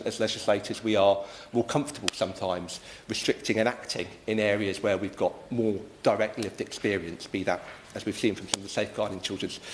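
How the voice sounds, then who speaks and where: A British man giving an earnest, measured and wordy speech as a member of parliament in a formal debate. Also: lowish voice. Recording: echoey room, faint background noise.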